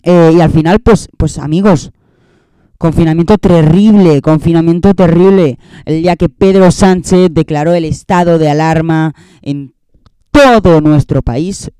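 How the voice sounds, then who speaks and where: A man's voice: fairly high pitch, a little slow, warm tone, smooth, no echo. A young man with a Spain Spanish accent, hosting a casual, rambling, sarcastic year-end monologue that keeps repeating itself. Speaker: host.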